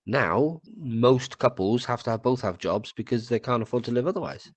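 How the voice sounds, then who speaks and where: A man's voice: mid-range voice, expressive, moderate pace, dry recording. A man with a cold, co-hosting a podcast in casual chat, swearing and tripping over his words. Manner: rambling, swears, stumbles and repeats words. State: has a cold. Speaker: podcast co-host.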